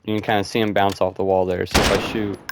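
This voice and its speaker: A man's voice: sits low, flat delivery, fast, heavy background noise. A man giving casual, rambling gameplay commentary, thinking aloud with lots of fillers. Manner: rambling, loose, with frequent fillers like "and stuff".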